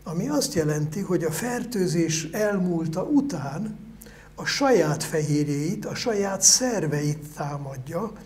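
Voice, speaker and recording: Older man explaining science, slightly high voice. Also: lively intonation, darkish tone. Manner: measured, explanatory, pauses to search for words. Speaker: virologist guest. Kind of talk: explanatory interview answers.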